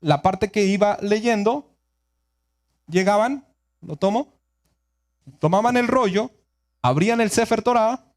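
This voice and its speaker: High-voiced man teaching. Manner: asks the audience frequent check-in questions; explains in a conversational, repetitive way. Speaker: teacher of a Torah study group. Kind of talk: sermon teaching.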